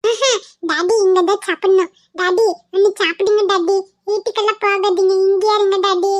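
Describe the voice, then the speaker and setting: Someone voicing a very high, whiny little boy. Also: steady tone, normal speed, no room sound, clean studio sound. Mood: coaxing. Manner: whiny, begging. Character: small boy, clingy, longing for a daddy. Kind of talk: cartoon voice acting.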